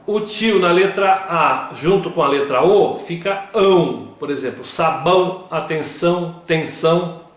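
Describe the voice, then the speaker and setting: A man giving a slow scripted grammar lesson, reading word examples one at a time. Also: on the high side. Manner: reads word lists one by one. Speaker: grammar teacher. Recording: very echoey room.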